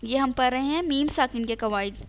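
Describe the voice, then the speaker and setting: Brief: high, clear female teacher; patient online recitation lesson, repeats and checks. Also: highs cut off. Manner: chants Arabic examples slowly.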